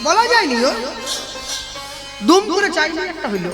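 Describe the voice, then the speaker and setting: A man telling devotional stories as a kirtan singer and preacher, in an animated, teasing way. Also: extremely high pitch, normal speed. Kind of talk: devotional storytelling sermon with song. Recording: echoey hall with live music. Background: devotional music.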